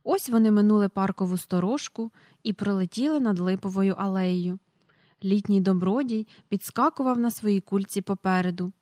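Woman storybook narrator, even delivery, dry close-miked sound. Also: mid-range voice, moderate pace, no room sound. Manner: even, clear reading, reads out page numbers. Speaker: audiobook reader.

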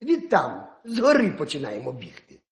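A man voicing a sly, boastful little male hedgehog in a folk tale, calm and cocky. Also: a little high, moderate pace, roomy sound. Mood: scheming.

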